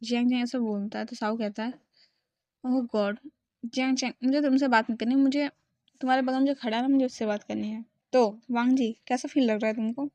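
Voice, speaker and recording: A woman's voice: fairly high pitch, steady tone, a little fast, dark tone, no room sound. A woman casually retelling a fan story and speaking the characters' lines in her own voice, often stopping to restart. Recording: dry, dull lo-fi recording.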